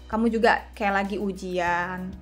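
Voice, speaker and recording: A woman's voice: mid-range voice, steady tone, measured pace, soft background music. A young woman in casual talk to camera, addressing her viewers directly, seated indoors. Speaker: vlogger. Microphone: camera and phone in front.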